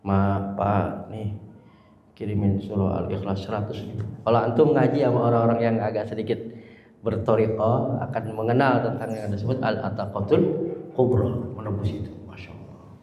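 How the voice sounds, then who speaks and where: Indonesian preacher in an echoey hall. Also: male voice, on the low side, steady tone, normal speed. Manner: emotional, conversational storytelling with frequent sighs of devotion. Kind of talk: sermon. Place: mosque hall. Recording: roomy hall echo, dull lo-fi sound.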